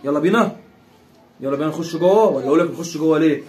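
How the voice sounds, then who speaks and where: A man's voice: on the high side, a little mellow, a little hiss or hum, close to an everyday voice. A man with an Egyptian accent playing a cold father who favors his son over his daughter, scolding and sneering in an amateur street drama. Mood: coaxing. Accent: Egyptian Arabic. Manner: scolding, sneering, quick-fire.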